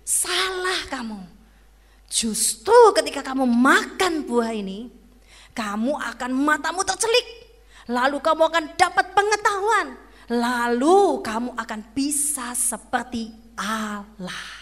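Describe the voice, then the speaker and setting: Brief: sly tempting devil done by a woman preacher, insistent and bright, long church reverb. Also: high voice, animated, slow, exaggerated voice. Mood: coaxing. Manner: coaxing, insistent.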